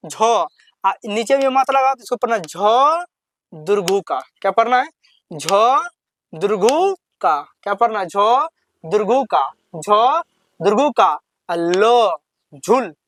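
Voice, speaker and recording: A man teaching children to read Hindi over slides, asking questions and answering them himself, and spelling words out slowly syllable by syllable. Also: high voice, lively intonation, a bit bright, slight background noise. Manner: repetitive call-and-response questioning; slow drawn-out syllable-by-syllable reading. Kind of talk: classroom lesson over slides.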